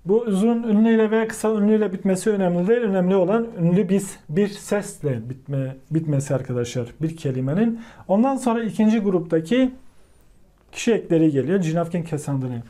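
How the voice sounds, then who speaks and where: A man gives a grammar lesson in a high, mellow voice, saying each form slowly and often repeating it. He keeps turning to his viewers as friends while he works through the rules. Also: expressive. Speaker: language teacher.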